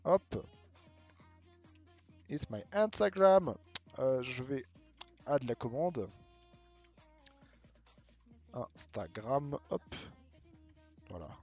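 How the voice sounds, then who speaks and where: A man from France keeps up loose, joking banter with stream viewers as he plays a mobile game, speaking at a normal middle pitch. His English is slow and broken, strongly colored by his French accent, and light music sits low beneath him.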